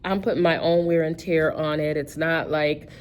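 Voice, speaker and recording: A woman's voice: low voice, steady tone, normal speed. A woman chatting casually about her budget, rambling with many fillers and restarts. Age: 50s. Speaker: personal finance vlogger.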